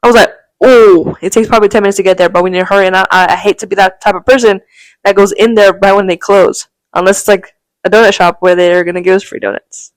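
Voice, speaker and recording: Talking fast at a medium pitch, a young adult woman co-hosting a podcast tells a rambling story and acts out the quotes in casual chat. She is animated and laughs a lot, and the recording is dry.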